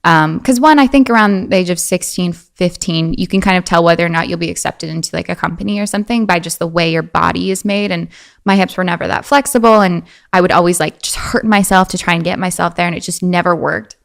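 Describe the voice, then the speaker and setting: A woman in her twenties, a guest talking casually in an interview, animated and often slipping into a high girlish voice. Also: fast, creaky. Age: 20s.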